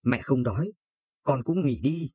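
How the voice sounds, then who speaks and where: A man voicing an anguished mother of thirty-five who speaks in hurried, urgent bursts. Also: medium pitch, lively intonation, darkish tone, breathy edge, no room sound. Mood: grieving.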